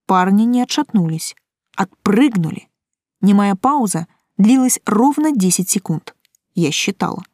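Woman, audiobook narrator, calm wry delivery, medium pitch, dry close sound. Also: unhurried, no echo. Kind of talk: first-person audiobook narration.

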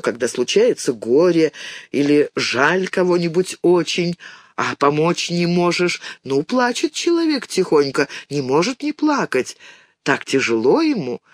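Woman as a steady, wise mother, gently lecturing, lively intonation, dry close sound. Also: fairly low pitch, a little slow, dry recording. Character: calm, wise mother of several daughters. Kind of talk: audiobook character voice.

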